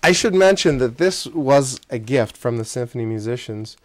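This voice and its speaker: A man's voice: medium pitch, lively intonation. A man who conducts a symphony, speaking as an interview guest in a friendly, explanatory way with small hesitations. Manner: friendly, explanatory, slightly halting.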